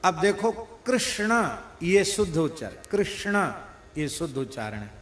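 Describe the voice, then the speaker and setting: A man giving a devotional sermon, slowly singing verses and explaining them with playful examples. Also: on the high side, very animated. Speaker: spiritual preacher. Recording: roomy echoing hall.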